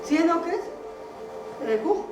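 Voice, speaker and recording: High-voiced woman preaching in an echoey hall. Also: animated, slow pace. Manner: quizzes the congregation with questions. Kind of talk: sermon retelling a Bible story. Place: church meeting hall. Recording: echoey hall, distant mic, music behind.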